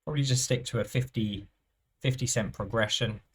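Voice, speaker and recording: A man giving thinking-aloud commentary over live roulette play, musing and unhurried, often trailing off and restarting his phrases. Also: mid-range voice, breathy edge. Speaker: roulette strategy presenter.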